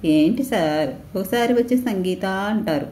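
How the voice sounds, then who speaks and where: A woman's voice: medium pitch, animated, a little slow, warm tone, reverberant, close to an everyday voice. A woman voicing a cunning, scornful female villain who mocks the police in a storybook reading. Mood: taunting. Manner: taunting, mocking.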